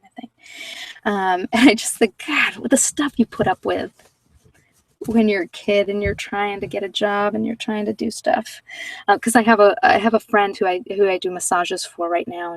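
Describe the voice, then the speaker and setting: Talking to her live viewers, a middle-aged American woman tells candid, digressive stories in a casual, rambling chat. Her mid-range voice runs at a normal speed, and the low-quality recording was made from a distance with no room sound.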